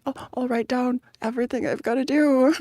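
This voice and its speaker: A woman's voice: high-pitched, fairly even intonation, normal speed, warm tone, no echo, studio quality. A woman VTuber chatting casually on a reaction stream in a playful, cute anime-streamer manner, given to little exclamations.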